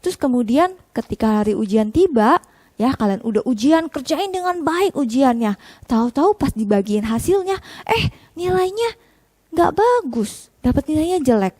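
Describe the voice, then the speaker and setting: A woman leading a Sunday school lesson, lively and high-pitched, asking the children questions as she tells a story. Her voice is recorded close and dry, with no room echo. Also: normal speed. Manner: animated, talks directly to the children with many questions.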